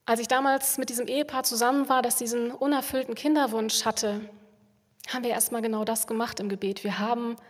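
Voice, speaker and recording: A woman speaking as a pastor in a calm, reflective way, repeating phrases for emphasis. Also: fairly high pitch. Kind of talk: spiritual reflection on prayer. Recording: long hall reverb.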